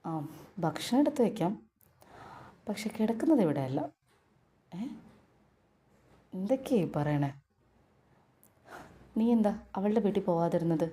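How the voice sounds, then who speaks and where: A woman's voice: mid-range voice, lively intonation, a little slow, pauses often, dark tone, lightly acted. A woman voicing a kind, doting mother-in-law who soothes and reassures. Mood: scolding. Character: kindly doting middle-aged mother-in-law.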